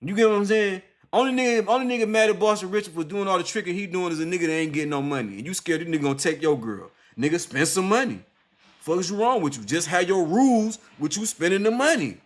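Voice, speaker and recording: Young guy rattling on fast in an interview, lots of slang and cussing, hammering the same points over and over. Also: high voice, animated. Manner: emphatic, repetitive, heavy slang and profanity. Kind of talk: casual unscripted monologue.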